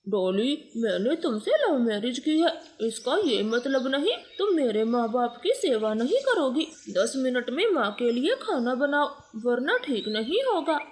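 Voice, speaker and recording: A woman voicing an earnest young male crow in a lowered, earnest voice. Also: sing-song, a little slow, few pauses. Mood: stern.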